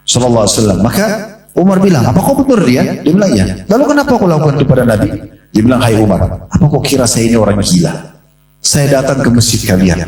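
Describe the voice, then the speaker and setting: Fast-talking male preacher in echoey hall. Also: mid-range voice. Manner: lively storytelling, addresses audience directly. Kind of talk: religious lecture to a congregation. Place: mosque hall. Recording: very echoey hall, mic at a distance.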